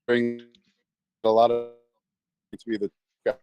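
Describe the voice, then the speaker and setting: A man co-hosting an online question session, his voice breaking up in glitchy cut-outs with pitch jumps over an internet call. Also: flat delivery, lo-fi sound. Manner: halting, broken-up phrases. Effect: glitchy cutting-out internet call audio with pitch jumps. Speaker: co-host asking questions. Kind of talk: casual online Q&A chat.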